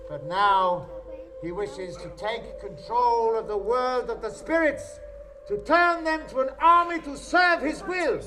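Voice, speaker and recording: An actor plays an intense man facing the supernatural, his very high voice urgent and alarmed. Clear music runs behind this dramatic audio drama performance. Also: heavily acted, rough recording.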